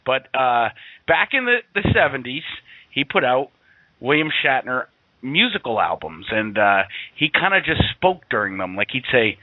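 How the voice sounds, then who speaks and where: A man co-hosts a casual radio talk show, chatty and quick to laugh. His voice sits at a middle pitch. It comes through a dry, tinny, phone-like line. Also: very animated, no echo. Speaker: co-host. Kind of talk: casual chat.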